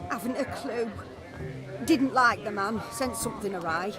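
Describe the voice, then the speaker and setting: An actress playing an excitable, proud mother of a bride in a video game, chatty, dramatic and easily indignant. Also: mid-range voice, normal speed, close to an everyday voice. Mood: gossipy. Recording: game music and crowd behind the voice.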